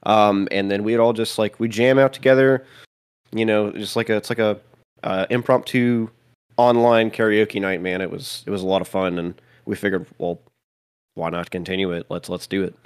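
A man hosts a relaxed podcast over voice chat, looping through his sentences. His voice sits a little on the low side. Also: normal speed, smooth. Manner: rambling, many fillers and restarts. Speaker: host. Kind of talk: casual chat. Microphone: voice chat headset.

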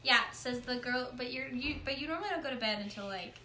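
A woman's voice: high-pitched, fast, bright, forceful tone, slight background noise. A young woman chatting casually on camera in a shared room, giggly and self-mocking. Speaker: vlogger. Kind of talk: casual chat. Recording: roomy echo, faint ambience.

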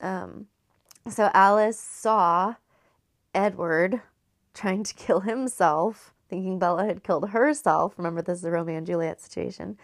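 A woman's voice: on the low side, unhurried, dry recording, clean studio sound. A woman in her thirties chatting casually as a podcast host and recapping a movie, talking in a chatty, profane way with lots of filler words. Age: 30s.

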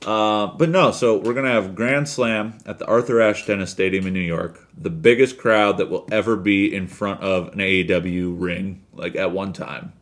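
Low-voiced man in rambling wrestling chat. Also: normal speed, hardly any pauses. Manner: rambling, animated storytelling, swears. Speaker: podcast co-host. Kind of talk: casual chat about pro wrestling.

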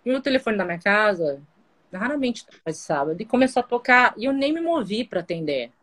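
Woman, guest, casual chat, animated storytelling. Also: mid-range voice, brisk. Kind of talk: casual video-call conversation.

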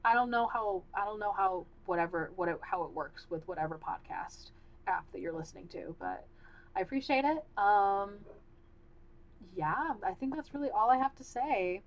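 A woman's voice: medium pitch, animated, normal speed, lo-fi sound. A young woman hosting her own podcast in a casual, candid way, rambling with many fillers and restarts, and her voice is starting to wear out. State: losing her voice. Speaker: podcast host. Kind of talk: casual solo podcast talk.

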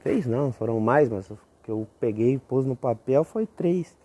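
A young man hosting a casual rambling monologue, profane and self-mocking, often breaking into high squeaky exclamations. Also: expressive, moderate pace, warm tone, breathy edge. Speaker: podcast host.

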